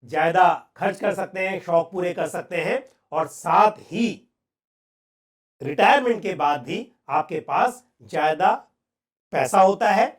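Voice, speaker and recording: A man with a high-pitched voice and an Indian accent presents a finance lesson. He explains step by step in a deliberate way, pausing for emphasis. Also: expressive.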